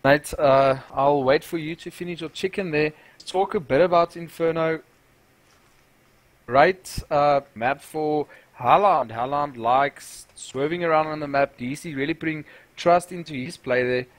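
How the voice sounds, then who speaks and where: A man's voice: fairly high pitch, measured pace, no room sound. A man co-casting a live esports match in an easygoing, self-mocking way. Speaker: esports co-caster.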